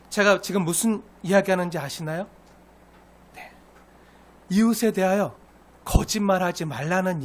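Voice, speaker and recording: A man's voice: sits high, a little hiss or hum. A pastor preaching a sermon, emphatic and full of rhetorical questions to his congregation.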